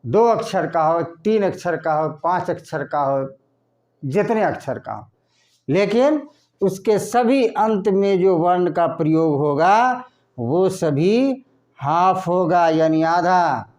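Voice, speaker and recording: A man teaching a lesson in a slow classroom style, asking questions and then answering them himself. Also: high voice, animated, darkish tone. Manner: asks questions and answers them himself, repeating words slowly.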